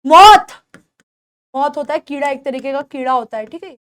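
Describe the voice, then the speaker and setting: A woman's voice: high voice, a bit bright. A young Indian woman teaching beginners English pronunciation, a Hindi speaker who says example words over and over and checks that students follow. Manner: patient, repeats example words slowly and checks understanding.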